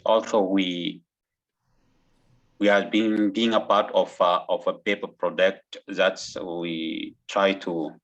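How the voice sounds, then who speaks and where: Low-voiced Sudanese man introducing himself. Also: a bit bright, lo-fi sound. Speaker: interview candidate, doctoral student. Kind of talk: halting self-introduction in an online interview.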